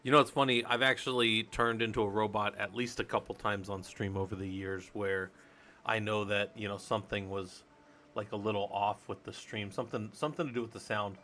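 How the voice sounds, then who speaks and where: A man's voice: fairly low pitch, steady tone, fairly quick, sharp tone, slight background noise. A man hosting a casual live stream, chatting loosely and thinking aloud while he works on a computer. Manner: loose and rambling, thinks aloud, many fillers. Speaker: livestream host.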